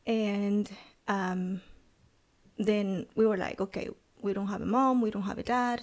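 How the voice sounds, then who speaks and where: Appearing as a guest on a podcast, this thirty-something woman from El Salvador recounts her own story in halting Salvadoran-accented Spanish, full of pauses and false starts. Her pitch is medium, and her voice has a creaky, somewhat dark quality.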